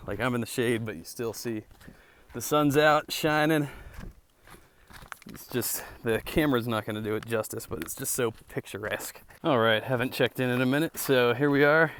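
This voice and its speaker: A man with a medium-pitched voice vlogs outdoors on a trail. He talks casually and reflectively, thinking aloud as he rambles along. There is faint background noise with some clicks. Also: fairly bright tone. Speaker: vlogger and boot reviewer. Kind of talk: casual rambling vlog talk. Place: outdoors on a mountain hiking trail.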